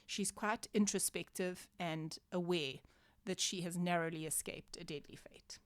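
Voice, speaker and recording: A woman giving a literature lecture to her students, explaining clearly with measured pauses for emphasis. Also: on the low side, no echo.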